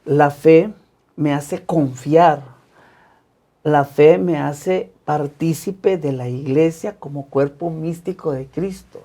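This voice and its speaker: Un hombre religioso católico que cuenta su testimonio de fe en una entrevista, de manera sincera y con repeticiones enfáticas. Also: male voice, on the high side, slow pace, warm tone. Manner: earnest, emphatic repetitions. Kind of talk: personal faith testimony in conversation.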